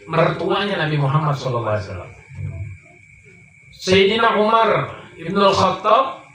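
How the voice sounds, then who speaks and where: A man preaching a sermon, telling a story that often climbs high and emphatic. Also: a bit bright. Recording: echoey room, mic far off, faint noise.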